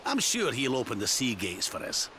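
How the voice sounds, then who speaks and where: Playing an older Scottish king, genial and crafty and travelling as a talkative companion, an actor performs a cutscene in a brisk, cheerful mood. His mid-range pitch swoops wildly at a moderate pace, against a noisy background of loud game music.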